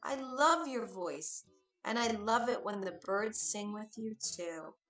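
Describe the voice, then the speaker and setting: A woman voicing a gentle, hopeful young male prince in a read-aloud storybook, soft and earnest. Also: mid-range voice, lively intonation, takes it slowly, far from the mic, faint music behind, voice pushed up.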